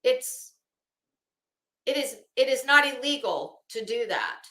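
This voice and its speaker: Reading slowly from a document, a woman with a high, fairly bright voice and lively intonation keeps up sardonic, disbelieving commentary laced with casual swearing. She's the host of a commentary show, recorded in an echoey space.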